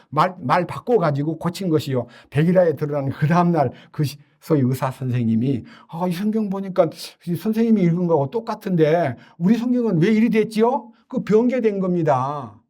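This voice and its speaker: An older man preaching a sermon as a pastor, telling stories and acting out the voices of the people in them. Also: sits high. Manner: animated storytelling, acting out quoted voices.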